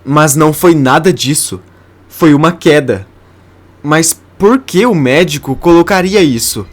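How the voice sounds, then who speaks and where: A man's voice: mid-range voice, moderate pace, close to an everyday voice. A man voicing a grieving, determined young daughter in a narrated soap opera summary.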